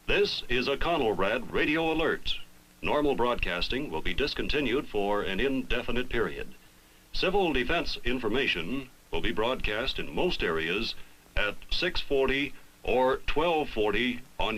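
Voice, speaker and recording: A man reading a grave, formal, measured civil defense announcement as a radio announcer. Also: mid-range voice, expressive, fairly bright tone, low-quality recording.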